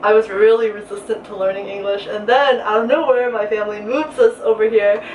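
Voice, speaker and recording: A woman's voice: medium pitch, fairly even intonation, fairly quick, a little mellow, a little hiss or hum. A young woman from Malaysia chatting casually as a vlogger, laughing often and saying "like" a lot. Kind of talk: casual chat. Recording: roomy sound from a distant mic, slightly dull.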